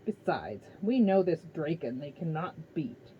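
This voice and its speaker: A woman's voice: deep voice, big pitch swings, unhurried. A woman voicing a menacing ancient male Titan lord who commands and hisses threats, in a dull lo-fi recording. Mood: commanding.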